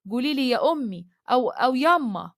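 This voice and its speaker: A woman's voice: high-pitched, animated, fast, a bit bright, no room sound, studio quality. A woman voicing a stern, loving older mother, with a firm, scolding tone.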